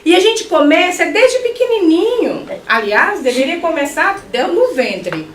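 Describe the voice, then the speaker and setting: A middle-aged woman giving a spiritist lecture, animated, with joking asides to her audience. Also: very high voice, measured pace. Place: lecture hall. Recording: echoey hall, mic at a distance.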